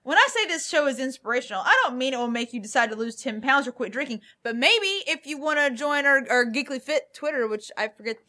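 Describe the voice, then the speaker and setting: High, lively woman reading listener reviews. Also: quick pace, hardly any pauses. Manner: playful, laughing. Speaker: podcast co-host and player. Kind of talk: casual podcast chat, reading listener reviews.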